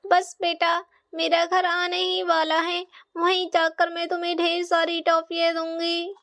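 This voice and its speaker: A woman's voice: very high-pitched, monotone, measured pace, a bit bright. A woman voicing a cruel old beggar woman who steals children and talks in a scolding, threatening way. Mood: coaxing.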